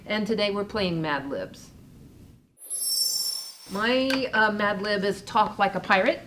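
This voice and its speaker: A woman's voice: medium pitch, slow pace, noisy background. A woman biology teacher playfully reading a pirate-themed Mad Lib aloud, hamming it up.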